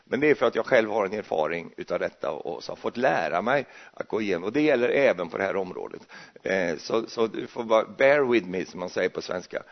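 A man's voice: on the low side, lively intonation. A male preacher, giving a chatty, joking sermon full of restarts. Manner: chatty and jokey, with many restarts. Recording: muffled, dull recording.

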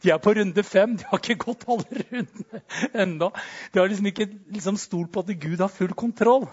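A high-pitched man preaching with charismatic fervor, jumping between hushed murmurs and sudden shouts. The sound is dull and lo-fi. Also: husky. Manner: swings between loud exclamations and soft murmurs, shouts and tongues. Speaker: pastor. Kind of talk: charismatic sermon.

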